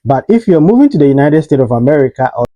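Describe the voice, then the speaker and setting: A man hosting a casual spoken pronunciation lesson, explaining patiently and repeating example words slowly for practice. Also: a little high, sing-song, warm tone, dry recording, lo-fi sound. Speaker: host.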